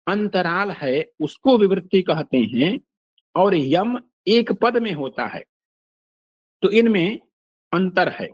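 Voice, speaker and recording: An older man lectures on phonetics in an unhurried, deliberate way, his voice sitting fairly high for a man. He stops often to recite verses and word examples. The recording is dry and slightly dull, with a lo-fi edge. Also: a little mellow, slightly rough, no echo. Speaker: Sanskrit phonetics teacher. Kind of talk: lecture explaining a text line by line.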